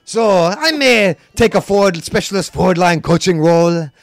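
A man's voice: sits high, lively intonation, moderate pace, creaky, no room sound, studio quality. A man playing a drunken, boastful French retired footballer with a put-on French accent, rambling and pompous. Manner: pompous, tipsy, rambling, bursts of shouting. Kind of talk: comedic podcast bit.

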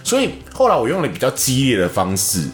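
A man with a Taiwanese Mandarin accent, co-hosting a casual podcast chat and telling animated stories. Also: fast talker. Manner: animated storytelling, acts out quotes in a high voice. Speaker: podcast co-host. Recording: echoey room with faint music.

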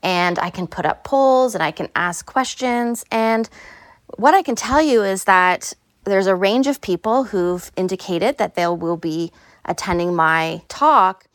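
A woman's voice: medium pitch, measured pace, no echo. A woman hosting a solo podcast in a casual, conversational way, recorded on a phone inside a small closet. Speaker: podcast host. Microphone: phone, no headphones.

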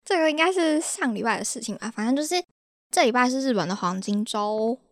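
Lively Taiwanese woman podcast host. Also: fairly high pitch, a little fast, no echo, studio quality. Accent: Taiwanese Mandarin. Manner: chatty, exasperated, laughs at her own stories. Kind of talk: casual podcast storytelling.

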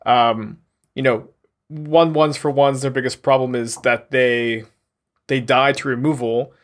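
A man's voice: medium pitch, fairly even intonation, a little slow. A man guesting on a casual podcast, thoughtful and analytical, weighing ideas with frequent ums. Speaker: guest deck builder.

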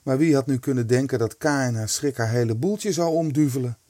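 A man narrating a storybook in a lively, expressive reading. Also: mid-range voice, fairly quick, dry recording, clean studio sound.

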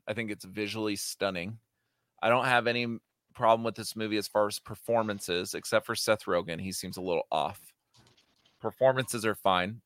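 His voice is fairly low yet a bit bright, recorded with no room sound. The man hosts a podcast, talking casually and bluntly with cohosts in a movie review, swearing freely as his rant heats up.

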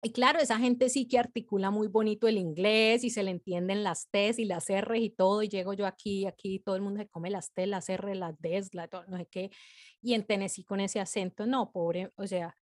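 A woman, telling her story as a guest in a casual interview, chatty and animated with frequent fillers. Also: mid-range voice, moderate pace.

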